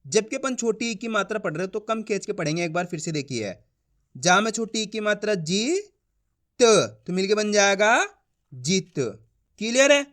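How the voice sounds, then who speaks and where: Calling his viewers friends, a man teaches beginners to read Hindi online, patiently repeating points, sounding out each syllable slowly, and making sure they understand. His voice sits high, animated, with a fairly bright tone.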